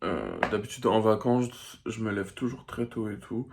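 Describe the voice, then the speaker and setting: A man's voice: lowish voice, expressive, normal speed, creaky, a little mellow. Ranting young man in a car. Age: 20s. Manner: exasperated, ranting, crude swearing. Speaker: vlogger. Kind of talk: casual vlog. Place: in a car on the road, then outdoors. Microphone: handheld phone camera.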